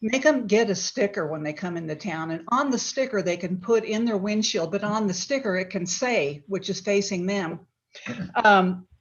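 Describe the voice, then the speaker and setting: A woman's voice: mid-range voice, normal speed. A woman, a local resident, giving a rambling public comment with many ums on a video call. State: talking while eating. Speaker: resident speaking at a town forum. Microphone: home computer mic on a video call. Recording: muffled lo-fi video call audio.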